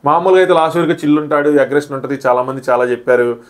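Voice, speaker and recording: A man giving a quick, animated review of a reality show, acting out what the contestants said. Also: on the high side. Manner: animated, re-enacts contestants' quotes. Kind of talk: fast recap commentary.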